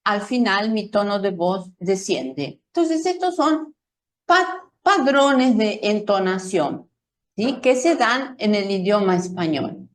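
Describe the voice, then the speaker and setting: A woman teaching a pronunciation lesson, explaining slowly and carefully with spoken demonstrations. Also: mid-range voice, animated, echoey room. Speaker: Spanish teacher.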